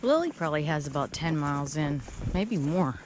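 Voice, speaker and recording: A solo hiker vlogger chats in a low, expressive voice at normal speed, rambling to her dog and her viewers. She sounds slightly strained as she trudges through snow on an outdoor trail, and the recording is noisy and windy.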